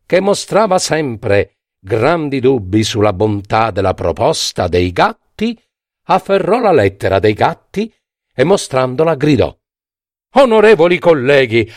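A man narrating a storybook tale in an expressive, measured way. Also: mid-range voice, no echo, clean studio sound.

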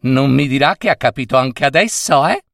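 Man putting on a shrill indignant old woman. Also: sing-song, a little slow, a bit bright, no room sound, heavily acted. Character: prim, disapproving elderly woman neighbor.

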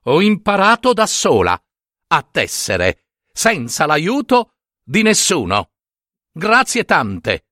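A man's voice: on the high side, huge pitch swings, takes it slowly, bright, forceful tone, dry recording, studio quality, voice pushed up, full character voice. A man doing a haughty vain weaver girl. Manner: haughty, scornful. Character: vain, arrogant young female weaver.

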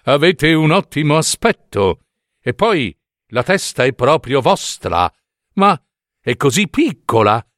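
A man voicing a vain, fragile darning needle in a storybook, high and fussy, very full of itself. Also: very animated, slow pace, fairly bright tone, no room sound, studio quality, exaggerated voice. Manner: high-pitched, fussy and self-important.

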